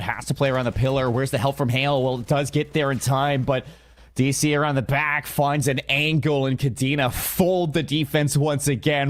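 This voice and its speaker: A man giving live esports commentary, following the play and analysing team tactics as he goes. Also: mid-range voice.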